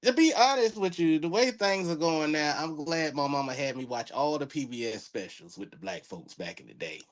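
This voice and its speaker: A man's voice: on the high side, expressive, normal speed. Joking Southern man on a podcast. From Florida. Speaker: comedian guest. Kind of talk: casual podcast chat.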